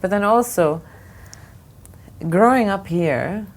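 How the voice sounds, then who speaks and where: This art fair director, a woman from Lebanon, answers interview questions slowly in a medium-pitched voice with lively intonation. Her replies are thoughtful yet peppered with fillers and restarts, and there's faint background noise.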